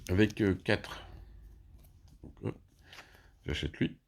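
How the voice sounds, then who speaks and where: A man's voice: sits low, slow pace, gravelly, a little hiss or hum. A man casually explaining his moves in a solo board game, thinking aloud with many hesitations and restarts.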